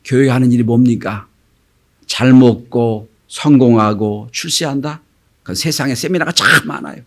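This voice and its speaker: A man's voice: medium pitch, moderate pace. A middle-aged man preaching a sermon as pastor, telling stories and acting out the voices of the people in them, sometimes dropping to a whisper. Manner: animated storytelling, acting out quoted voices; drops to a whisper for emphasis.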